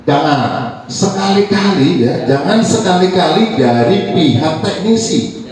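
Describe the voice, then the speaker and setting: Animated man telling stories in an echoey room. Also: high voice, a little slow. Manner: animated storyteller, acts out customer dialogue. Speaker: AC technician and trainer. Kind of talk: casual advice chat. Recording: echoey room, mic far off.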